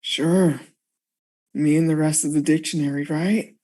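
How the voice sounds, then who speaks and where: A woman voicing a sly, taunting female caller with a gravelly, raspy voice in a tabletop game. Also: sits low, steady tone, a little slow, warm tone. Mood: evasive, smug.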